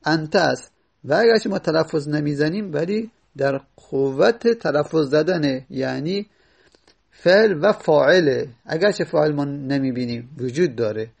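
This grammar teacher's voice sits on the high side, a little mellow and slightly rough, with vocal fry. He lectures patiently to the class, quoting Arabic verse and repeating phrases while explaining them.

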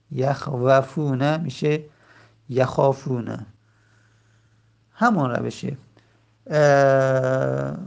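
A man teaching a grammar lesson. He says the example words slowly and drawn out, then explains quickly. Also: fairly high pitch, creaky, highs cut off.

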